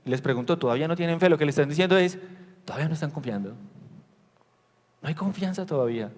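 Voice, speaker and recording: A male pastor preaching to his congregation in a slightly higher voice, caught on a recording with the long ringing reverb of a church hall. He tells the story with animation, acting out the disciples' lines and putting questions to the congregation. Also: animated, fast, darkish tone. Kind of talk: sermon.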